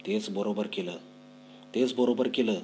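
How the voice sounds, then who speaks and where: A man's voice: fairly low pitch, unhurried, slight background noise, close to an everyday voice, low-quality recording. Man playing a stern old village headman. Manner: scolding, forceful.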